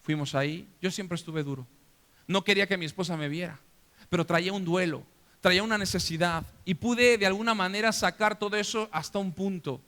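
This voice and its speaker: High-voiced, impassioned Mexican pastor in a hall. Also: male voice, fairly quick, bright, forceful tone. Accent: Mexican Spanish. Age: middle-aged. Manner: emotional storytelling, acting out family voices. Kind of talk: sermon testimony. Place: church.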